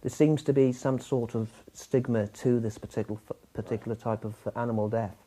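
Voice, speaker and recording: A man answers questions in an interview, often hesitating and rephrasing himself partway through a sentence. His voice is dark and mellow, with a mid pitch. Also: steady tone, brisk.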